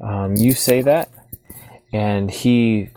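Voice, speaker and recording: Deep-voiced casual game master. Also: male voice, fairly even intonation, drawn-out words, warm tone, dry recording, low-quality recording. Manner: casual, filler-heavy narration. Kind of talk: narrating a tabletop game.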